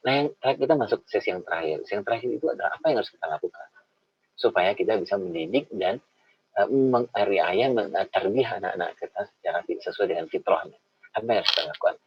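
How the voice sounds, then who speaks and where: A middle-aged man giving a lively, informal talk on raising children, speaking to mothers and acting out parent and child voices. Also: low voice, fast talker, husky. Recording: dull lo-fi sound.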